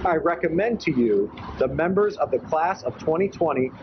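A man in his forties, a high school principal, giving a measured, formal commencement speech outdoors at a podium microphone. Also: animated. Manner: measured, formal address with deliberate pauses. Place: outdoors in front of a brick building. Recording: dull outdoor recording with traffic noise.

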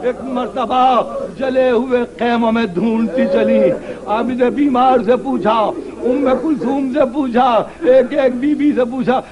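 A man's voice: very high voice, steady tone, hardly any pauses, lo-fi sound. A male preacher with a Pakistani Urdu accent, delivering a majlis sermon that chants and rises into impassioned, wailing lament. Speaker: Shia preacher. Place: large mourning gathering indoors. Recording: crowd and loud noise, live hall tape.

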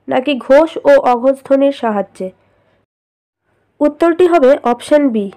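A woman reading multiple-choice exam questions aloud in Bengali-accented speech, listing each option and then stating the answer in a steady teaching manner. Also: sits high.

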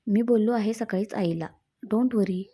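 Woman reading young husband, calm, self-assured, steady, reassuring, mellow. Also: medium pitch, moderate pace, slightly rough.

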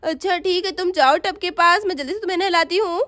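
A woman voicing a busy village mother in a doll story, scolding, hurried and fond. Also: very high voice, fairly bright tone.

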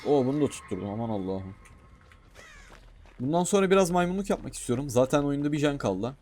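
Excitable man commentating his game. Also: medium pitch, fast. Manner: excitable, shouts and talks to himself while playing. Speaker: gaming streamer. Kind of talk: casual gameplay commentary.

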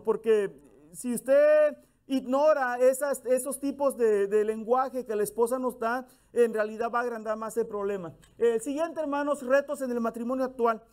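A man's voice: very high voice, darkish tone. A middle-aged male minister, giving a folksy, conversational sermon with acted-out bits of dialogue.

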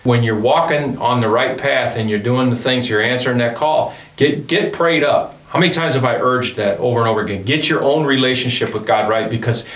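A man's voice: medium pitch, a little fast, hardly any pauses, fairly bright tone. Earnest man in his fifties, roomy studio. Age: 50s. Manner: earnest, faith-filled, repeats himself. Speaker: band leader and studio owner. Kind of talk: reflective documentary interview. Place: home recording studio.

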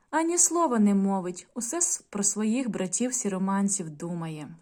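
A woman teacher in a video lesson, reading a folk tale aloud and addressing the children in a clear, measured storytelling manner. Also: on the high side, warm tone. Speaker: primary school teacher.

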